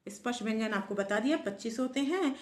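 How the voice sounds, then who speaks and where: A woman teaching a grammar lesson to pupils, asking questions and answering them herself in a steady classroom rhythm. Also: on the high side, a little fast. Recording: echoey room.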